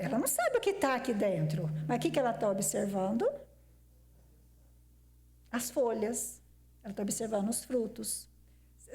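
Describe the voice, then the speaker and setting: A woman's voice: high voice, a little mellow. Older Brazilian woman giving a church talk. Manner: conversational, rhetorical questions to the audience. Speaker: women's conference speaker. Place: church hall.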